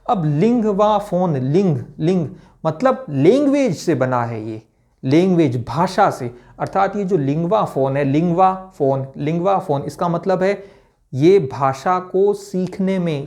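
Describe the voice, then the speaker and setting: A man's voice: high voice, a little mellow. A male lecturer giving an exam-prep lesson, who explains step by step and asks and answers his own questions.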